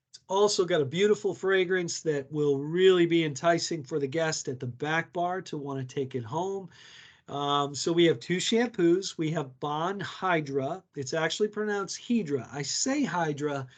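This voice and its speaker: Man explaining hair care products. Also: fairly high pitch. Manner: conversational, explanatory, with frequent fillers. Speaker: product educator. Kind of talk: product training talk.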